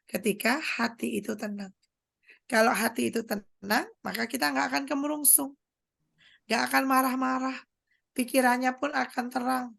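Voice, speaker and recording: Woman doctor with a gravelly voice. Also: on the high side. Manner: explains with everyday analogies and acts out quotes; addresses the audience directly. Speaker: doctor giving a coaching talk. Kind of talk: religious motivational talk.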